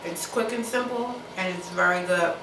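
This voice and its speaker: A woman's voice: fairly low pitch, moderate pace, creaky, noisy background. A woman hosting her own cooking show, chatting casually as she mixes and tastes in a home kitchen, often repeating herself. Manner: casual, chatty, repeats herself, talks with mouth full while tasting. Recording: echoey kitchen, mic at a distance, clatter of dishes.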